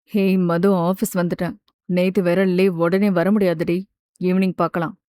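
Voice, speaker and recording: A woman voicing a calm, caring young man who reassures a close friend in an audiobook. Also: on the low side, unhurried, clear, resonant tone, no echo, pitched below the performer's own voice, close to an everyday voice. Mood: affectionate. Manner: steady, gently reassuring. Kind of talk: audiobook character voice.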